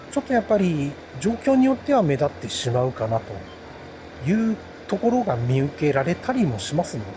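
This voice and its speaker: A man talks to his viewers from inside a helmet while riding a motorbike. His delivery is polite and explanatory, with very animated rises and falls and drawn-out phrase endings. Clear vehicle noise runs behind his casual review-style chat. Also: mid-range voice. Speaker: motovlogger reviewing action cameras.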